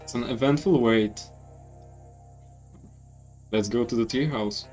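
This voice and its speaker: A man's voice: mid-range voice, slow, a little mellow. A man from Poland with a Polish accent, reading game text aloud in a let's play, stumbling and correcting himself. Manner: reads with stumbles and self-corrections. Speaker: gaming YouTuber. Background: faint game music.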